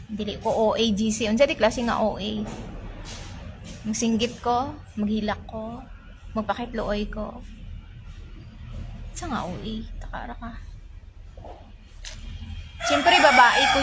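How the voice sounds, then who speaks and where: A woman's voice: a little high, noisy background. A woman with a Visayan Filipino accent, chatting casually with viewers as a vlogger, teasing and scolding commenters. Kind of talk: casual live chat with viewers.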